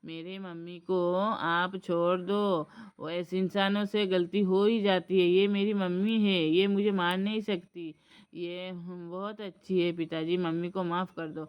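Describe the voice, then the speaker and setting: A woman's voice: lowish voice, fairly even intonation, a little slow, clean tone, lo-fi sound, close to an everyday voice. A woman voicing a pleading little girl. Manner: pleading, soft. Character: small gentle village girl, six or seven.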